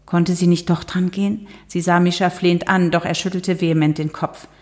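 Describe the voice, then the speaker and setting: Middle-aged woman, slightly low voice, measured, wry, reads then chats. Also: little pitch movement, a little mellow. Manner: measured, lightly humorous, some hesitations. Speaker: author and TV journalist. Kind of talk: reading her novel, then casual interview talk.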